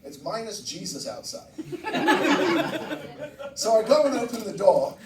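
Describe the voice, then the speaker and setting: A man from Barbados doing a stand-up set, animated and swearing, with sudden loud outbursts. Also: sits high, measured pace. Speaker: stand-up comedian. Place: comedy room with laughing audience. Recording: roomy echo, mic heard from a distance, noisy.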